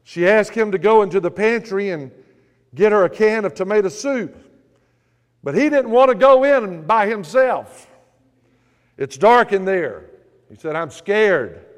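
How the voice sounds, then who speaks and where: A man's voice: high-pitched, expressive, moderate pace, big-room sound. A male pastor preaching a sermon, praying and telling humorous stories to his congregation.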